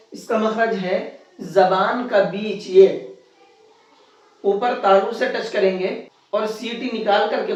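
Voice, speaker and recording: A man teaching Quran letter pronunciation step by step, patiently repeating his points and drawing out each letter to demonstrate it. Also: high voice. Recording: very echoey room, distant dull mic.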